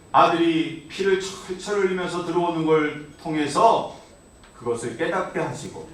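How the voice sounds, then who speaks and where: Brief: high-pitched male pastor, animated storytelling sermon, reverberant hall, mic far off. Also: a little hiss or hum. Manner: lively storytelling, frequent "예?" to the congregation. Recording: echoey church hall from afar.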